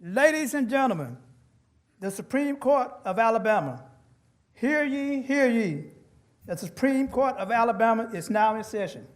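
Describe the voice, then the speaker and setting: A man's voice: extremely high pitch, very animated, normal speed. A man calls out a formal, ceremonial court proclamation in the manner of a town crier. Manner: loud, formal town crier style calling out. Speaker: court crier opening the session.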